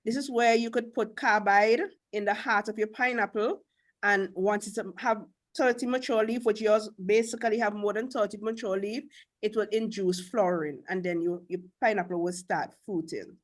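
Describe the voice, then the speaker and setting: A woman's voice: mid-range voice, fairly even intonation, moderate pace. A woman with a Caribbean accent teaching a live class as instructor, blunt and emphatic, often firing questions. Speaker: agriculture instructor.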